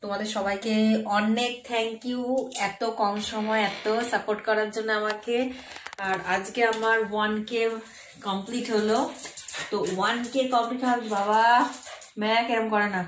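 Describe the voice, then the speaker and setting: A young woman speaks earnestly straight to her viewers in a casual phone vlog. Her voice sits a little high. The room around her rings with echo, and a faint hiss runs underneath. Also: flat delivery, normal speed. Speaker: vlogger. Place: room at home. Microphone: phone camera.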